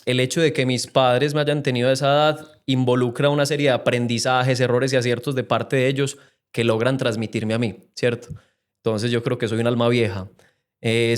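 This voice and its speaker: Earnest Colombian man telling his story. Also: mid-range voice. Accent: Colombian, from Medellín. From Medellín, Colombia. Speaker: podcast guest, AI consultant. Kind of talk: casual interview chat.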